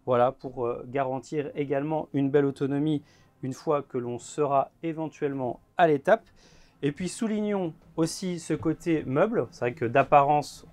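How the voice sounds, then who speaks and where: Man in his thirties, motorhome presenter, measured delivery, lots of fillers, lapel mic. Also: mid-range voice, darkish tone. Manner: measured, with frequent "eh bien" and "euh" fillers. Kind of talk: guided vehicle walkthrough. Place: inside a motorhome at a trade fair.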